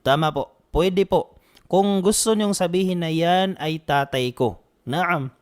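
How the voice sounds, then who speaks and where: A man teaching an online Arabic grammar class with steady patience. He repeats each rule more than once and keeps checking that the students follow. He slows down carefully whenever he reads out an example phrase. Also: on the high side, clean tone. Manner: patient, repeats points, frequent "naam" and "okay" checks. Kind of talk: online language lesson.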